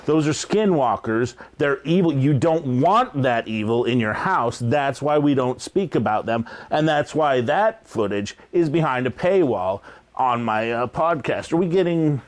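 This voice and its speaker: An actor playing a rambling, hesitant male huckster who sells ghost-hunting gadgets, speaking in a deadpan mockumentary interview. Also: medium pitch, measured pace, close to an everyday voice. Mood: earnest. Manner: rambling, hesitant, full of uh's. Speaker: paranormal gadget seller being interviewed.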